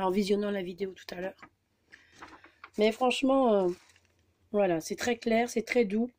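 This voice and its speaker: Woman vlogger, mellow and warm, chatty and halting, recorded on a camera mic at her table. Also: on the high side. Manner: chatty, hesitant, many fillers. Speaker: scrapbooking vlogger. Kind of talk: casual haul video.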